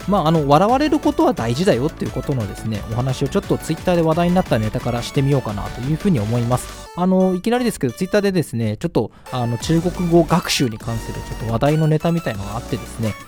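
A man's voice: on the high side, big pitch swings, fast, few pauses, a little mellow, soft background music. A man with Japanese as his first language, hosting a casual language-learning talk, chatty with many fillers and polite asides. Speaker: Chinese language course host. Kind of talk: casual explanatory monologue.

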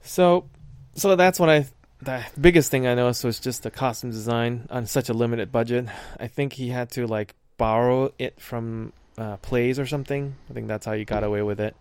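A man's voice: mid-range voice, moderate pace, few pauses, clear, resonant tone, no echo. A man in casual chat about a film, thoughtful and searching for words with frequent fillers. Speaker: podcast co-host discussing a film.

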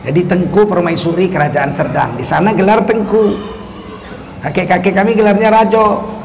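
A preacher from North Sumatra, Indonesia, speaks at a moderate pace in a voice that sits high, with a little hiss or hum in the audio. His Islamic lecture weaves in sarcastic remarks on politics and rhetorical questions for the crowd.

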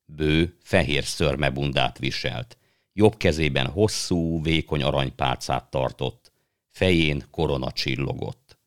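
A man narrates a fantasy story in the manner of an audiobook reading. His voice sits extremely low. He keeps an even, measured storytelling pace. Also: no echo, clean studio sound.

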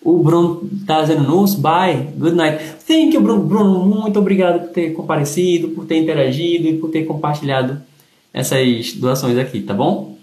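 A livestream host with a Recife Brazilian Portuguese accent gives a casual motivational talk, explaining things and thanking viewers. His voice is on the high side and a little mellow, at a moderate pace, and he pronounces s as a slushy sh. The sound is echoey and roomy.

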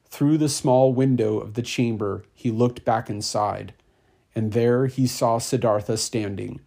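A man narrating an audiobook in a measured, deliberate reading style. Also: mid-range voice, steady tone, creaky, dark tone. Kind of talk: scripted narration.

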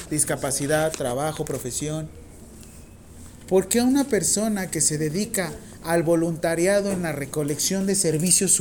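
A woman's voice: deep voice, a little mellow, slight background noise. Slangy Mexican woman lecturing a class. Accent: Mexican Spanish. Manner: casual, slangy, dictates slowly and questions the class. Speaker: nursing teacher.

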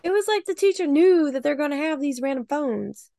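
Brief: giggly woman co-host, somewhat high, gravelly, dry close sound. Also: animated, fairly quick, dark tone, no room sound. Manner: giggly, laughs often. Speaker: podcast co-host. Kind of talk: casual book club chat.

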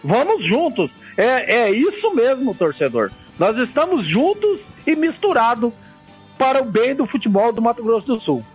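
A Brazilian man delivers impassioned sports opinion in a high, husky voice. His pitch swings freely, and he repeats phrases emphatically over faint music. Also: big pitch swings, moderate pace, dull audio. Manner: emphatic repetition, frequent tag questions. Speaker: radio sports commentator.

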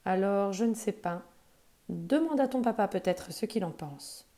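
Brief: woman doing a prudent mother, slow and measured, slightly raised voice, warm. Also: medium pitch, animated. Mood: cautious. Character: cautious, sensible mother.

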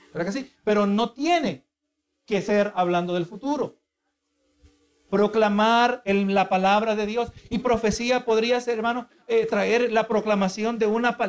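A male preacher giving a sermon, earnest and explanatory, who keeps asking the congregation for agreement. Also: very high voice. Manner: asks the congregation for agreement again and again; earnest, explanatory, with repeated restarts.

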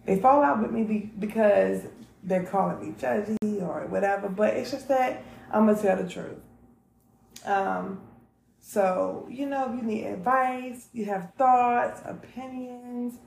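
A woman's voice: mid-range voice, measured pace, gravelly, a little mellow, echoey room, a little hiss or hum, rough recording. A woman, chatting candidly to camera in a casual vlog and swearing freely. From North Carolina. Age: 30s. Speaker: vlog host.

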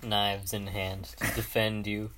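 A man's voice: lowish voice, flat delivery, slow, background noise. A man co-hosting a casual podcast, asking questions and throwing in dry, teasing quips. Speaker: podcast co-host. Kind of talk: casual chat.

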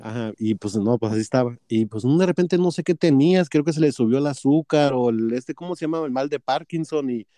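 A man's voice: medium pitch, brisk, hardly any pauses, mellow, dry recording, studio quality. A man with a Mexican accent telling a workplace story in casual chat, profane and gossipy, acting out both sides of a quarrel.

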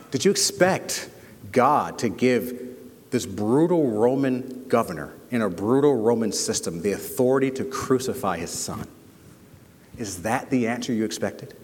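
A man with a husky, mid-range voice preaches a sermon as a pastor, and a long reverb tail follows his words. He poses rhetorical questions, leans hard on key words, and breaks into sudden loud emphasis.

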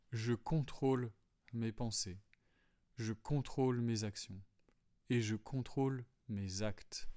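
A man hosting a solo podcast, calmly explaining philosophy, with frequent fillers and restarts. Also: mid-range voice. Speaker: podcast host. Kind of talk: reflective solo talk on philosophy.

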